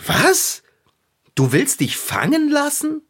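A man voicing an eager, excitable young bike tinkerer in a children's audio drama, swinging between glee and gloom. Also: fairly high pitch, normal speed, breathy edge. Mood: puzzled.

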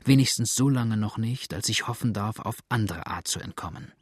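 A man voicing a wary, grumbling male fugitive who mutters in a low, hushed voice. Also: normal speed, husky, no room sound, studio quality. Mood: brooding.

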